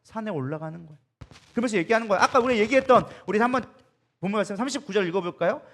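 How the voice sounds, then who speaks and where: A middle-aged male pastor delivers a sermon at a quick clip, his voice sitting high for a man. He keeps asking the congregation questions and acts out the words of the people and of God in shifting voices. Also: expressive.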